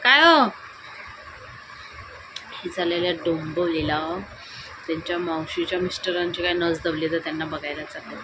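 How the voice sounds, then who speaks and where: A woman's voice: low voice, level tone, fairly quick. Young woman vlogging on her phone, chatty and teasing, noisy background. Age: young adult. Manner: chatty, teasing, calls out loudly to husband. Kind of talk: casual home vlog chat. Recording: home recording with clear background noise.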